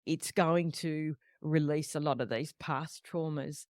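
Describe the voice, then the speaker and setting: A woman's voice: low voice, fairly even intonation, a little slow, a little mellow, no echo, studio quality. A woman hosting a podcast interview, affirming and summarizing her guest's words. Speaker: podcast host. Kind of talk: supportive interview.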